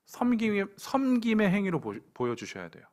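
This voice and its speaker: A man's voice: sits high, huge pitch swings, moderate pace, a little mellow. A young adult man preaching a sermon to a church young adults group, pointed and direct with playful asides. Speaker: pastor.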